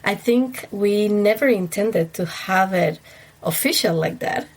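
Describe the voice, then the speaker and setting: A woman with an Ecuadorian Spanish accent talks through a podcast interview in a chatty, warm way, her voice a little stuffy from allergies. Spanish is her first language, and she fills her sentences with "um" and soft laughs. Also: mid-range voice, measured pace. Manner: warm, chatty, laughs often, many fillers. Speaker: guest, wedding planner.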